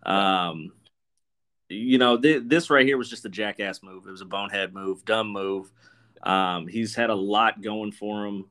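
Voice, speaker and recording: A man's voice: on the low side, a little slow, bright, forceful tone. A man hosting a podcast in casual chat, talking informally with plenty of swearing and banter. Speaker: podcast host.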